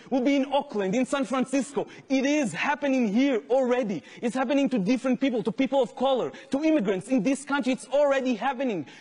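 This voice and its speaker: High-voiced Israeli man lecturing in a hall. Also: darkish tone. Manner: earnest storytelling turning impassioned. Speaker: activist lecturer. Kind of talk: public lecture.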